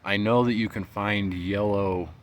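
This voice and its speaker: A man's voice: fairly low pitch, measured pace. A man hosting a casual home tasting vlog, talking in an easygoing, rambling way with many fillers. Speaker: home gardener reviewing peppers. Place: home and backyard garden. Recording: steady background noise.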